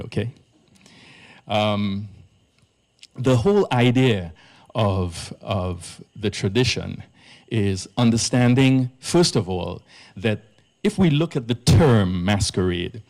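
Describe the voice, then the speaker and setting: A man's voice: on the low side, darkish tone. A man from Trinidad, a priest giving an earnest public lecture at a live event in an arts centre, stressing his key words.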